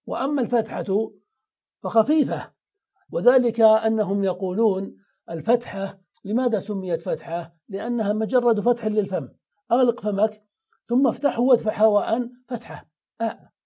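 A man's voice: high voice, moderate pace, mellow, breathy edge, highs cut off. A man teaching grammar in a classroom lesson, explaining step by step and answering his own questions.

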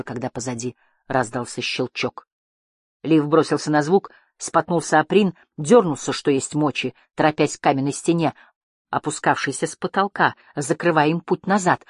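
Woman narrator, low voice, husky, calm audiobook reading, dry close sound. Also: moderate pace, dry recording.

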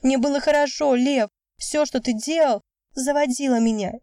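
A woman's voice: on the high side, moderate pace, warm tone, no echo, studio quality, recorded from a distance, voice pushed up, natural voice. A woman voicing a young woman who is upset and pleading with her lover, speaking emotionally. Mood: shouting hurt. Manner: emotional, cries out then pleads.

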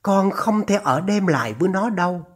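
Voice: medium pitch, lively intonation, normal speed, slightly rough, voice pushed up. A narrator voicing an anxious older mother on the phone, her trembling voice urgent and scolding as she pleads.

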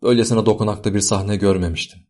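A man's voice: fairly low pitch, steady tone, fast, a little mellow, close to an everyday voice. A man voicing a sly male propaganda pig who speaks with sanctimonious, wheedling sorrow in an audiobook. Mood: fake sorrow.

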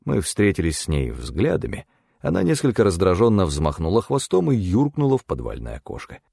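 Gravelly low-voiced male audiobook narrator. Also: fairly quick, no room sound, studio quality. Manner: expressive storytelling.

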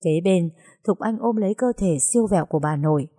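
A woman narrating a story in an even storytelling manner. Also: lowish voice, fast, breathy edge.

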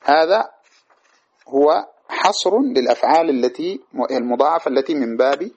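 A man teaching a lecture on classical grammar. He explains patiently, often checks in with his listeners, and recites verse lines in a measured way. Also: on the high side, animated, darkish tone, husky. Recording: dull lo-fi recording.

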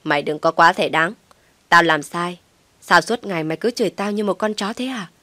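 A drunk husband in an audio story, as a woman voices him slurs and snarls back. The voice is lowish and dry. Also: fairly even intonation, normal speed, fairly bright tone, no echo, natural voice. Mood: drunk, angry. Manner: slurred, belligerent. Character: drunk slurring husband Tuấn.

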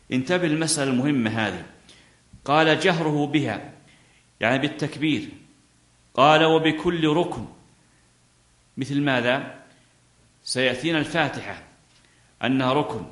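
A man's voice: mid-range voice, fairly bright tone, roomy sound. A man teaching a lesson on a classical legal text, reading a line and then explaining it by asking questions and answering them himself. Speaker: teacher of Islamic jurisprudence.

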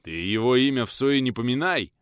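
A man voicing a bearded former outlaw, pious and stubborn, speaking in a gruff, drawling, emphatic way. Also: medium pitch, animated, fairly quick, dry recording, voice pushed up, lightly acted.

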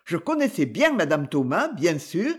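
Un homme qui lit un livre audio et donne un ton péremptoire à une dame de maison stricte. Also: male voice, a little high, very animated, moderate pace, slightly rough. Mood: stern. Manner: peremptory. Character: prim, commanding household lady, firm.

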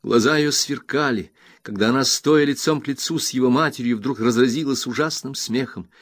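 A man narrating a novel as an audiobook, in a measured, subdued storytelling manner with a gravelly voice. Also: mid-range voice, no echo, clean studio sound. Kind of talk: scripted narration.

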